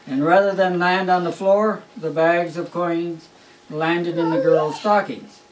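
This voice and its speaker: A man's voice: on the high side, fairly even intonation, unhurried, slight background noise. An older man, a grandfather, reads a Christmas story aloud at a family home in a wry, amused storytelling manner. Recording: roomy, distant home recording.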